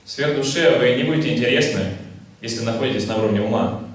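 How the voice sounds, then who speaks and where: A man interpreting a lecture into Russian, working briskly and correcting his phrasing as he goes. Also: mid-range voice. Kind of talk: consecutive translation of a lecture. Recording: echoey hall, from far off.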